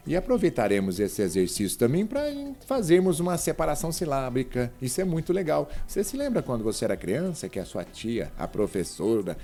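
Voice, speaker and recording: A Brazilian man gives an online grammar lesson in a mellow, relaxed voice. His pitch swings up and down with plenty of animation. He slows right down on the example words and talks straight to the viewer, with faint music underneath. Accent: Brazilian Portuguese. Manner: didactic, spells words out slowly and addresses the viewer directly. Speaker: Portuguese grammar teacher.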